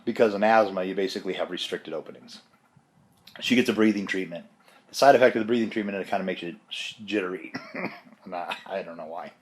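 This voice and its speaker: A man's voice: sits low, fast. A man sick with bronchitis and a chesty cough gives a casual, rambling, self-deprecating personal update. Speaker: vlogger giving a health update.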